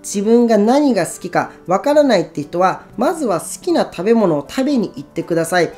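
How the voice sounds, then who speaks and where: A woman narrating a book summary in a calm, instructive, even reading voice. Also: medium pitch, brisk, faint music behind. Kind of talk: scripted narration.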